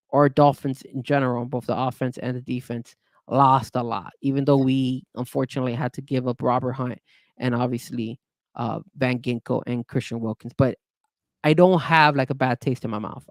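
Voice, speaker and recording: A man co-hosting a casual sports podcast, talking in an animated way with frequent restarts and hedges. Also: mid-range voice, no echo. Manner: animated, hedging, many restarts. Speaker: podcast co-host.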